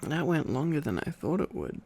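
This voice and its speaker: As an ASMR boyfriend roleplay storyteller, this sleepy man reads intimately with tired affection and playful asides to the listener. He sounds on the high side and sing-song, with a darkish tone at a moderate pace.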